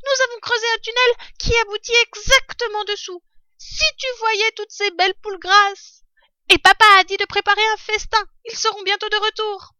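A woman voicing an excited little male fox cub who shrieks breathlessly with joy. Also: very high voice, moderate pace, no room sound, highs cut off, voice pushed up. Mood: eager.

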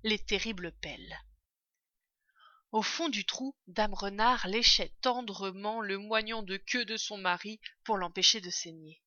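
Brief: woman narrator for a children's story, expressive, bright tone, dry slightly dull recording. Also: mid-range voice, a little slow, dry recording. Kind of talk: audiobook reading of a children's story.

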